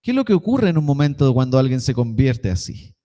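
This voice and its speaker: A man's voice: mid-range voice, very animated, fairly quick, warm tone. A young man with a Chilean Spanish accent preaching a sermon, telling a personal story in a casual, slangy way.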